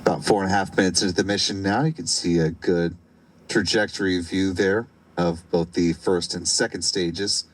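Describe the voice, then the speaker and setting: Deep-voiced man giving live commentary. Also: fairly even intonation, a little hiss or hum. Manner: measured, explanatory. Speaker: launch webcast commentator.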